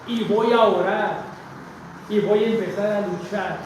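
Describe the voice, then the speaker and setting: Mexican pastor preaching in an echoing church. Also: male voice, high voice, fairly even intonation, unhurried. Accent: Mexican Spanish. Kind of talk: sermon. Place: large church sanctuary with a balcony. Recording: very echoey church from far off, noisy.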